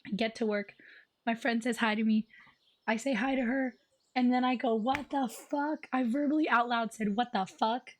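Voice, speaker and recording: A hoarse young woman livestreaming, telling a story in a chatty, laid-back way with lots of "like". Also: fairly high pitch, steady tone, moderate pace. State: hoarse, losing her voice. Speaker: streamer. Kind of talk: casual livestream chat. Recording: faint music in the background.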